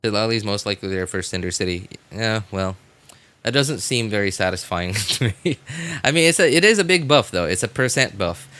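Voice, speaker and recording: A man streams a video game in a relaxed, informal way, chatting casually with viewers and muttering asides to himself. His voice is lowish and expressive, fairly quick, with a sharp tone. The recording is dry.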